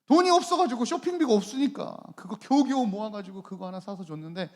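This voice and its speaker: A man in his forties giving a lively youth group sermon as a pastor. He keeps asking the young listeners questions, answers them himself, and teases them by name. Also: high-pitched, fast.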